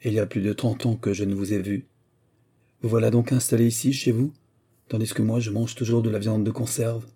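A man voicing a sly, grinning old sailor in an audiobook, speaking loud and brash. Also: lowish voice, little pitch movement, fairly quick, husky. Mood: insolent.

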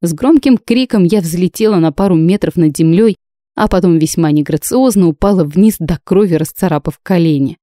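A woman narrating a novel in the first person with a lively, emotional reading. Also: lowish voice, fairly quick, no room sound, clean studio sound. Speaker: audiobook narrator.

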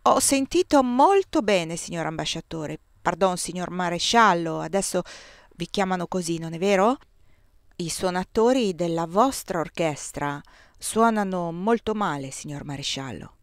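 A woman reading aloud, voicing a blunt, deaf middle-aged male composer in slow, emphatic speech. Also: on the low side, animated, dry recording, studio quality. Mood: sly.

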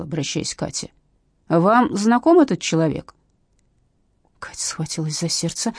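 A woman narrating a detective novel aloud in a lively, expressive way. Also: on the low side, breathy edge, no room sound, studio quality. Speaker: audiobook narrator.

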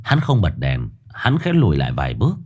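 A man narrating a dark thriller story in a measured, suspenseful way. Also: very deep voice, huge pitch swings, husky.

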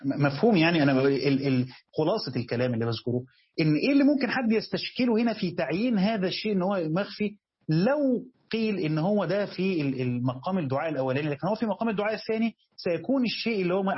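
A man with an Egyptian accent teaching a classroom lesson on Quran commentary, reading the text slowly and then explaining quickly and quizzing his students. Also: fairly high pitch, animated, breathy edge, highs cut off.

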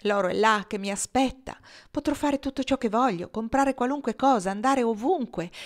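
A woman's voice: medium pitch, close to an everyday voice. Woman reading as an eager young gold seeker. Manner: hurried, enthusiastic.

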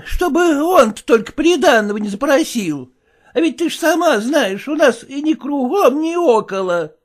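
A woman's voice: sits high, animated, normal speed. A woman voicing a scolding old mother. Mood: worried. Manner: sharp, scolding, coarse. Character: scolding old widowed mother of two spinsters. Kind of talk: audiobook character voice.

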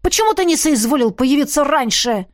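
A man's voice: very high-pitched, expressive, fairly quick, no echo, clean studio sound, voice pushed up. A woman reading an audiobook, voicing a cheeky young male elf thief who squabbles indignantly. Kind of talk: audiobook character voice.

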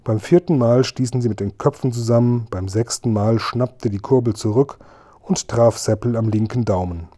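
Mellow-voiced man reading a storybook. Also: medium pitch, normal speed. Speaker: audiobook narrator. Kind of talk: scripted storybook narration.

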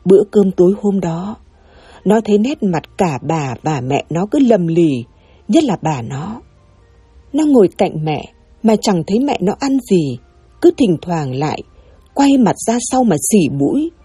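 A woman narrating a sad story in an expressive, emotional way. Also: on the low side, measured pace, husky, no echo, soft background music.

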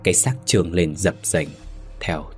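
Man, very deep voice, ghost story narrator, solemn, faint music behind. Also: normal speed, a little mellow.

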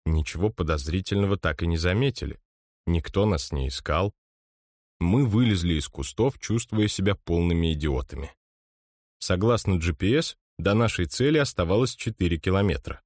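A man narrates a thriller audiobook in a low voice. His storytelling is measured and steady. The recording is dry and close, with no room sound. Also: dry recording. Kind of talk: scripted first-person narration.

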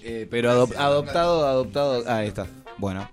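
A man's voice: medium pitch, animated, fast, faint music behind. A man with an Argentine Spanish accent co-hosting a casual, bantering radio chat. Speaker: radio co-host. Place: radio studio.

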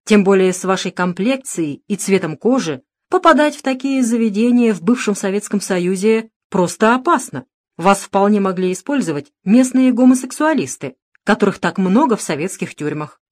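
A woman's voice: mid-range voice, animated, moderate pace, dry recording, close to an everyday voice. A woman reading a stern, mocking detective. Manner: stern, needling. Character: cool, mocking male private detective. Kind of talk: audiobook narration.

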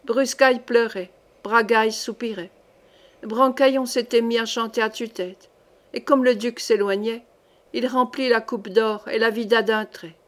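A woman narrating an audiobook of a historical novel in a measured, expressive reading. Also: fairly high pitch. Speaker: audiobook reader.

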